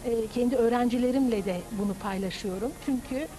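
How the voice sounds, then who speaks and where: A woman in her fifties with a fairly high voice speaks on a lapel mic in a TV studio. She explains in a measured, lecturing way, as an opera director and teacher would. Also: mellow, low-quality recording. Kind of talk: studio TV interview.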